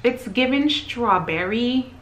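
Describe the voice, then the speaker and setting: A woman chatting casually to camera as she tastes and reviews groceries, describing each bite between pauses. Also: fairly high pitch, expressive, fairly bright tone. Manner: chatty, tasting and describing food between bites.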